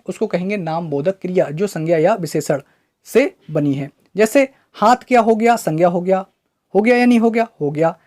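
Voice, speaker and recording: Teacher asking quick rhetorical questions. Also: medium pitch, darkish tone. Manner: quizzes listeners with rhetorical questions and answers them; keeps checking understanding with "right?" tags. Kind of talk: online exam-prep grammar lesson.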